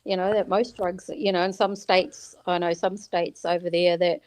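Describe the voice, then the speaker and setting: A woman's voice: on the low side, steady tone, moderate pace, darkish tone. A woman from New Zealand with a Kiwi accent, a friendly, giggly guest chatting casually on a podcast. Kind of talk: casual chat.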